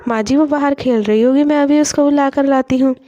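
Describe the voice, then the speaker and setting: Dutiful young daughter-in-law, voiced by a woman, anxious and pleading; high and mellow, slightly muffled. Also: fairly even intonation, fairly quick, dry recording, close to an everyday voice.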